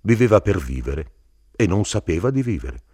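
Male reader, extremely low voice, husky, dry close sound; dramatic delivery that drops to whispers. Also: very animated, normal speed, dry recording. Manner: theatrical, drops into whispers and swells louder. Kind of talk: dramatic literary reading.

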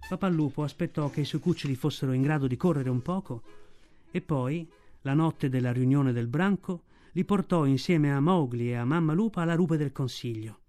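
A man narrating a story aloud in a steady storytelling delivery. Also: a little high, normal speed, soft background music. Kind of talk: audiobook reading.

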